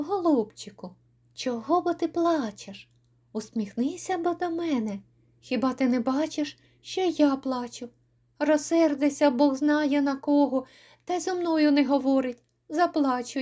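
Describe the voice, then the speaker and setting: A woman voicing a lively young village girl who pleads and cries out in quick, excitable bursts. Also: sits high.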